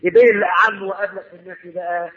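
Egyptian man, very high voice, rapid questioning preacher; dull lo-fi recording. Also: steady tone. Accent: Egyptian Arabic. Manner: asks the audience questions and answers them himself. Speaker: preacher teaching Arabic grammar. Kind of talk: colloquial religious lesson.

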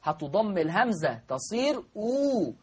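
A man with an Egyptian accent teaching Quran recitation rules, drawing out example words slowly and asking his class questions. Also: high voice, sing-song, breathy edge. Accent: Egyptian Arabic. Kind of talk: spoken lesson on recitation rules.

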